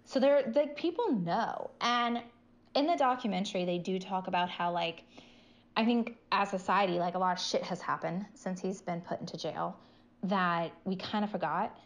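A woman's voice: medium pitch, moderate pace. Blunt, profane young woman chatting. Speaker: podcast co-host. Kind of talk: casual chat.

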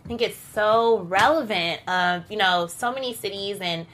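A woman's voice: mid-range voice, normal speed, a bit bright, poor audio. A woman co-hosting a casual group discussion and giving earnest, thoughtful commentary. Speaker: podcast co-host.

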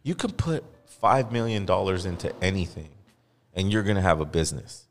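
A deep, expressive male voice at normal speed belongs to a Los Angeles podcast host talking heatedly and casually in a podcast studio. He's impassioned and profane, mocking others in quoted voices. The recording has slight background noise, long hall reverb, and faint music.

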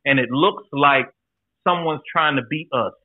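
A man's voice: a little high, measured pace, no room sound. A man in his forties talking as a podcast guest in a laid-back, candid, profane way. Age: 40s. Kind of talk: casual chat. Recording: tinny phone-like line, dry.

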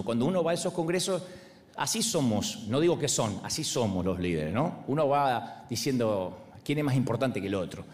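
Lively Argentine pastor telling stories. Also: male voice, medium pitch. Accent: Argentine Spanish. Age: 40s. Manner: animated, acts out other voices, laughs along. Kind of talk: humorous sermon storytelling.

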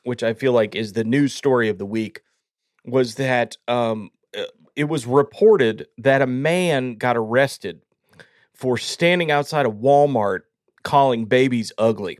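A man's voice: mid-range voice, measured pace, no room sound, clean studio sound. A man hosting a podcast, swapping dad jokes and stories in a jokey, self-mocking way. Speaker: podcast host. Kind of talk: casual chat, trading dad jokes.

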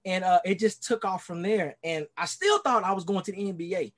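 Speaking a little fast in a high voice, a Dallas pastor in his forties with a Texan accent shares his life story over a video call as a podcast guest in a casual interview. He's earnest but rambling, filling his talk with "you know"s and restarts.

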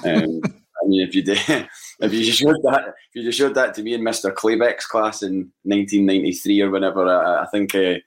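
A man in his forties with a Scottish accent chats casually about football. His voice is very deep, and he talks haltingly, often repeating words as he goes. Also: poor audio. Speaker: podcast panellist.

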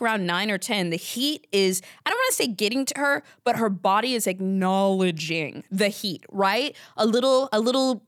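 A woman's voice: a little high, no echo, studio quality. A woman hosting a podcast alone, talking in a rambling, candid, casual way and swearing now and then. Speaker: podcast host. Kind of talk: casual solo chat.

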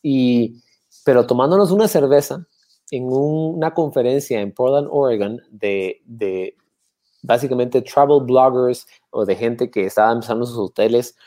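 A Guatemalan man with a dark, mellow voice and a Guatemalan Spanish accent. He tells his story as a podcast guest in a casual, animated way, stumbling through restarts and fillers. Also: medium pitch, moderate pace. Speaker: brewery founder, podcast guest. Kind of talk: casual interview talk.

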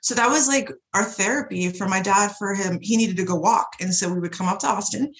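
Foul-mouthed animated woman telling stories. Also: a little fast, low-quality recording. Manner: animated, profane, swings pitch widely in retold dialogue. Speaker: guest, shop owner. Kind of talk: casual storytelling chat.

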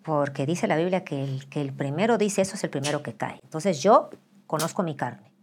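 A woman's voice: deep voice, moderate pace, slight background noise. An older woman with a Mexican accent, telling candid, joking stories as an interview guest and acting out the voices. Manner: animated and joking, acts out voices. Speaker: interview guest, pastor's wife.

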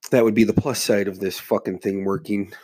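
A man hosting a casual solo podcast speaks a little fast in a steady tone, his lowish voice mellow and husky. Being sick, with a stuffy nose and slight cough, leaves him sounding muffled and congested while he rambles along, laid-back and swearing plenty.

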